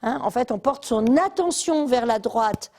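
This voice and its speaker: An older woman lectures a room full of listeners. Her voice sits fairly high yet stays mellow and soft-edged. She talks in a lively, chatty way, full of asides and hesitations. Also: unhurried. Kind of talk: live lecture to an audience. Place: lecture hall.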